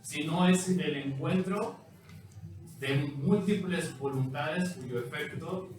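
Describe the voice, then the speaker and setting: Male student asking in class, tentative, far off in a very echoey room. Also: a little high. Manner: measured, tentative phrasing. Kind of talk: class question. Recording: distant, very echoey, noisy mic.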